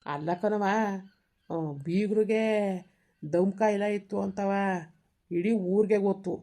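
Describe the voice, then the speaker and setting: Woman doing a soft humble old village grandpa, rural karnataka accent, warm low-key voice. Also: unhurried, lightly acted. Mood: pleading. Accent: rural Karnataka Kannada. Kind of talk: village family drama.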